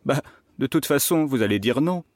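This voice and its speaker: A man narrating a children's story in a playful, expressive way as an inventor teacher. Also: medium pitch, normal speed.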